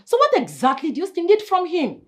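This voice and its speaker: An actress playing a level-headed friend who questions and challenges a scheming wife. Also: female voice, extremely high pitch, wildly swooping pitch, a little fast, heavily acted. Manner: reasoning, challenging. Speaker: concerned friend.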